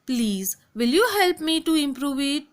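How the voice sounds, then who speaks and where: A teacher voicing a timid schoolgirl close to tears, speaking in a soft, trembling, pleading way. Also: high-pitched, lively intonation, unhurried.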